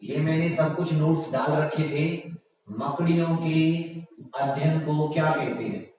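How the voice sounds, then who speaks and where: A man teaching a general science class online, reading out quiz options slowly and praising his students often. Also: fairly high pitch, steady tone, darkish tone, heavy reverb, big-room sound, far from the mic, slight background noise, rough recording.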